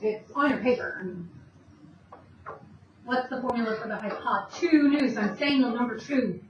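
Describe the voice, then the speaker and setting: A woman's voice: fairly high pitch, moderate pace. A woman teaching a math lesson, explaining step by step and answering her own questions. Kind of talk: recorded classroom math lesson. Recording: distant, dull, echoey room with faint noise.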